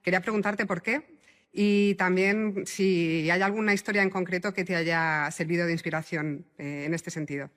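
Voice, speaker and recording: A woman's voice: lowish voice, fairly even intonation, normal speed, fairly bright tone. A woman, an audience member, politely asking a speaker a question, hesitating with fillers. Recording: long hall reverb.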